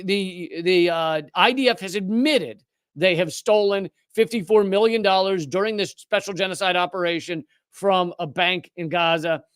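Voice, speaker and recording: A male host delivering a heated political monologue, his fairly high voice smooth and clear. He swings between biting sarcasm and earnest outrage, recorded close and dry. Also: dry recording. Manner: impassioned, sarcastic.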